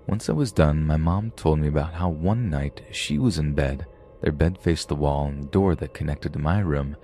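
Very deep-voiced man reading stories. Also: a little mellow, a little hiss or hum. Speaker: podcast host. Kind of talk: reading paranormal stories aloud.

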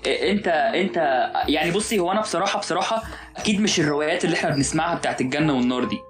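A man's voice: fairly high pitch, very fast, over music, poor audio. A young man with an Egyptian Arabic accent, thinking aloud in a casual philosophical podcast chat, hesitant and musing. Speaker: podcast co-host.

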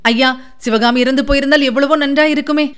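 Woman doing a frantic old sculptor dad, wailing high and loud, clear smooth voice, storybook. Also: fairly even intonation, moderate pace. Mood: frantic grief. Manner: frantic, wailing, sobbing pleas. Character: grief-crazed elderly male sculptor, wailing father.

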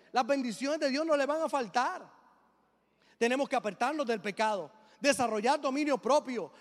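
A middle-aged man, a pastor, preaching a sermon with emphatic delivery and joking asides. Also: very high-pitched. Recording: long reverb of a large hall.

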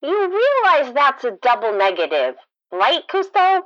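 A woman's voice: high voice, huge pitch swings, unhurried, fairly bright tone, no echo, heavily acted. An actress playing a wisecracking female prison inmate who talks in dry, sarcastic quips. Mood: wry. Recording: slightly dull, lo-fi sound.

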